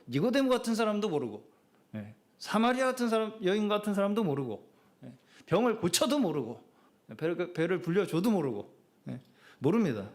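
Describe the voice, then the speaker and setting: A man's voice: high-pitched, a little mellow. A middle-aged male pastor preaching a Friday prayer service sermon in a conversational style, often dropping in short affirming "yes" words. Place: church sanctuary.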